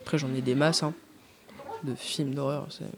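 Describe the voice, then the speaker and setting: A woman's voice: very deep voice, fairly even intonation, normal speed, crowd noise. A woman chatting casually as an interview guest, hesitant, with many fillers and restarts. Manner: tacks on "and so on" often. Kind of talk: casual chat.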